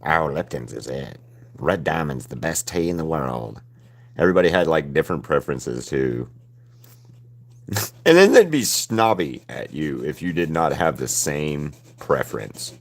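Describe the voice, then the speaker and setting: Speaking with a very deep voice and wide swings in pitch at an unhurried pace, this man in his thirties streams himself painting live. He has a mild Southern US accent and chats loosely, rambling and swearing casually as he works.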